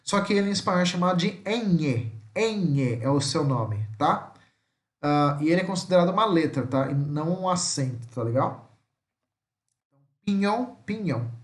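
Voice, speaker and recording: Brazilian man, slide lesson, patient repetition, raised pitch, roomy echo. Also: animated. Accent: Brazilian Portuguese. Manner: patient, repeats each word slowly, checks with "tá?". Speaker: teacher. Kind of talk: slide-based language lesson.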